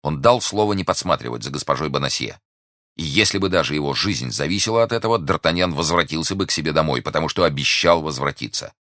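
A man narrating a classic adventure novel in measured storytelling. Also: very deep voice, animated, fairly bright tone, no echo, clean studio sound. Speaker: audiobook narrator. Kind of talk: scripted narration.

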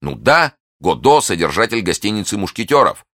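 A man's voice: lowish voice, big pitch swings, normal speed, fairly bright tone, dry recording, clean studio sound, voice pushed up. A man voicing an impetuous young guardsman. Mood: eager. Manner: urgent, commanding, earnest. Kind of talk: audiobook character voice.

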